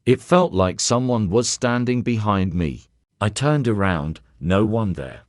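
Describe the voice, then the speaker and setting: Man reading as a jittery nurse girl, halting answers, dry close sound. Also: lowish voice, animated, dry recording. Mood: nervous. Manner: hesitant, nervous answers. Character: young woman nurse, frightened and trembling.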